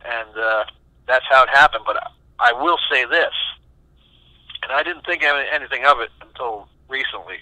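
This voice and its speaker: A man answers interview questions as an animated storyteller, stopping and restarting as he goes. His voice is bright and forceful with a pointed edge. The recording is dry and close, with no room around it. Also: medium pitch, normal speed, dry recording, low-quality recording. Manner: animated, acts out quoted voices, many restarts. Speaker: session guitarist, interview guest.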